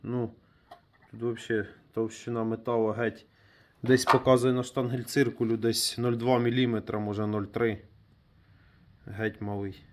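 A man's voice: mid-range voice, flat delivery, moderate pace, a little mellow, a little hiss or hum. Man thinking aloud at the workbench. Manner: thinks aloud while working, trailing off and restarting; talks to viewers as friends. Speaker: DIY mechanic vlogger. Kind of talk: casual hands-on repair commentary.

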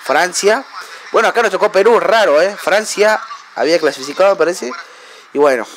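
A young man with an Argentine accent narrates his own football video game match, chatty and fan-like, breaking into shouts at the big moments. His voice sits very high for a man. A faint hum of noise runs under the recording. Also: a little fast. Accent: Argentine Spanish. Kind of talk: excited play-by-play game commentary.

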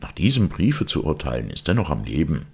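A man's voice: rumbling low, huge pitch swings, fairly quick, creaky, a little mellow, breathy edge, pitched above the performer's own voice, exaggerated voice. A man voicing a resolute, middle-aged male lawyer in an audiobook, speaking firmly and emphatically. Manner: firm and emphatic. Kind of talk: audiobook character reading.

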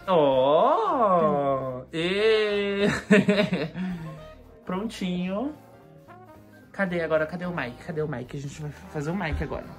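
Low-voiced woman cooing baby talk. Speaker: mother filming her baby twins. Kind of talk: casual home video chat. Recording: clear background music.

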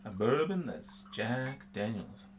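A man in his sixties playfully presenting to camera in a deliberately exaggerated, fake Southern US accent. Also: medium pitch, expressive, slight background noise. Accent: fake, exaggerated Southern US, put on. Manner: hammy fake Southern drawl. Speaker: vlog host, drinks reviewer. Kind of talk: playful to-camera bourbon tasting in a put-on accent. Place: small room with bottle shelves, indoors.

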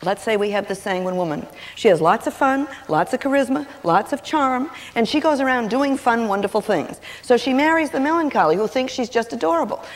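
A woman giving a lively teaching talk, telling stories and acting out what people say in changing voices. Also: on the high side, slight background noise. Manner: animated, acts out quotes in changing voices. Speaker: seminar speaker on personality and marriage. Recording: long hall reverb on an old videotape.

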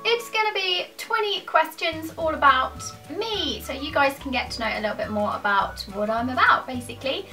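High-pitched and expressive with a sharp tone, she talks at normal speed with hardly any pauses, recorded on a distant mic over soft background music. The British YouTuber, in her twenties, answers questions to camera at home in a small furnished room, rambling informally and self-deprecatingly.

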